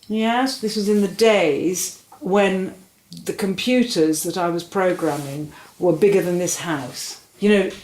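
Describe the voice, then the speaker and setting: Animated woman in her sixties, lower voice. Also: a little slow. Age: 60s. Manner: animated, rambling storytelling with restarts. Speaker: interview guest. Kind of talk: casual conversational interview. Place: room in a house. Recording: roomy, faint ambient noise.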